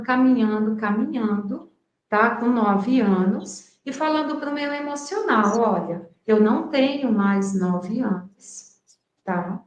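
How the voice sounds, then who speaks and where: A woman in her fifties from Brazil, retelling a personal memory at length with emotion and frequent asides. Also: high-pitched. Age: 50s. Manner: emotional, drawn-out retelling with many "né". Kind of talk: personal storytelling. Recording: echoey room.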